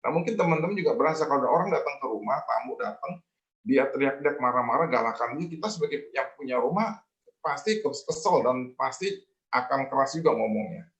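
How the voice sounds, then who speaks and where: Speaking briskly with lively intonation, a man in a mid-range, slightly bright voice recounts a story from his job as a debt collection manager. He's a webinar guest, repeating himself and using many fillers, and the muffled call audio is reverberant.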